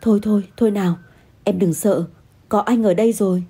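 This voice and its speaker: A woman's voice: medium pitch, steady tone, fairly quick, dark tone, breathy edge. A woman reading a protective young boyfriend.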